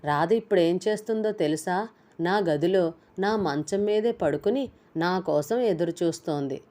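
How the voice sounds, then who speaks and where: A woman's voice: on the low side, normal speed, warm tone, natural voice. A woman voicing a scheming young male kidnapper who gloats down the phone in a storybook reading. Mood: taunting. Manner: mocking, gloating over the phone.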